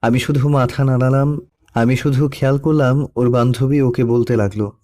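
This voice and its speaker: A young man narrating a first-person love story in a soft, melancholy storytelling manner. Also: medium pitch, steady tone, moderate pace. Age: young adult.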